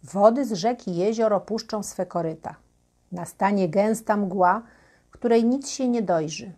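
A woman voicing a solemn giant armored knight with wings, speaking in an archaic, husky voice in a storybook legend. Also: medium pitch, a little slow, warm tone. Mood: prophetic.

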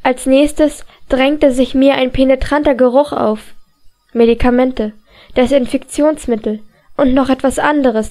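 A woman narrating a novel in the first person as an audiobook reader, calm and measured. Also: sits high.

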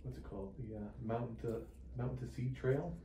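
A man, a patient, chatting in a relaxed, hesitant way during a clinic visit. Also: medium pitch, a little fast, roomy sound, slight background noise. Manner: laid-back, hesitant, laughs easily. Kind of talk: casual chat. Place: clinic room.

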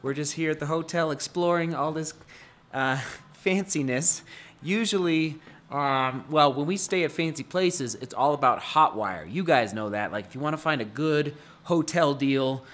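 A man's voice: fairly high pitch, expressive, normal speed, fairly bright tone. A man in his thirties vlogging casually to a handheld camera while walking through a hotel, upbeat and chatty. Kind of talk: casual vlog talk to camera. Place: hotel rooms and hallways, indoors. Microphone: handheld camera at arm's length.

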